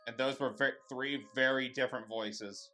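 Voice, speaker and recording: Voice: mid-range voice, fairly even intonation, moderate pace, bright, forceful tone. A participant in a paranormal vlog reports what is heard. The delivery is casual and clipped, in short blunt bursts. Faint music runs behind. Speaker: ghost-hunt participant relaying heard words. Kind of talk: short isolated utterances and casual remarks.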